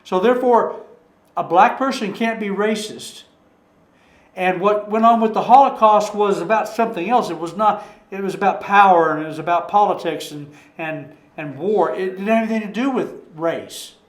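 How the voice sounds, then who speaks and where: At normal speed and in a high voice, a male Bible study leader chats casually with his church group in an echoey meeting room. He rambles through the informal talk, often restarting sentences, repeating words, and asking rhetorical questions.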